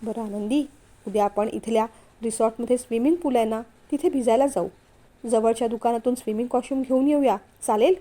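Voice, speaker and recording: A man's voice: extremely high pitch, fairly quick, dark tone. A woman voicing a teasing young husband. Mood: coaxing. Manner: teasing, coaxing. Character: affectionate playful young husband. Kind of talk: storytelling read-aloud.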